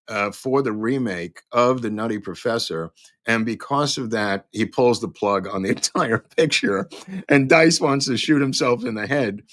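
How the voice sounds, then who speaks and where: A man hosting a show, telling a long story in a rambling, halting way with many fillers and restarts as he talks to a live chat. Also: mid-range voice, a bit bright, no echo, studio quality. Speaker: podcast host.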